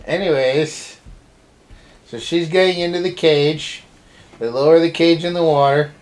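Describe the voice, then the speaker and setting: Deep-voiced woman recapping a movie. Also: fairly even intonation, measured pace, a little mellow. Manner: recaps the plot, quizzing her partner. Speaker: co-reviewer. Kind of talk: casual movie review chat.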